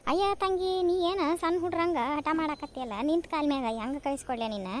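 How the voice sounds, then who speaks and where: A woman with a North Karnataka Kannada accent voicing a fussy older village mother-in-law who talks on and on to calm her daughter-in-law in a cartoon. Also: high voice, brisk, slight background noise, close to an everyday voice. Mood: soothing. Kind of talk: cartoon voice acting.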